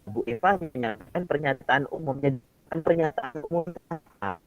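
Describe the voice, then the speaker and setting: A man's voice: fairly high pitch, lively intonation, normal speed, no echo. Man on a choppy, breaking-up call. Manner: thoughtful, many fillers and restarts. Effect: choppy, breaking-up call audio. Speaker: teacher giving lesson feedback. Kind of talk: online meeting feedback. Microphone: video call. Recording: dull lo-fi online call audio.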